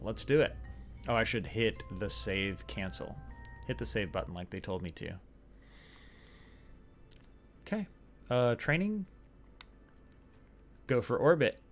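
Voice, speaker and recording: A man's voice: mid-range voice, sing-song, measured pace, long pauses, faint music behind. A man giving casual, rambling commentary while playing a video game, with many filler words.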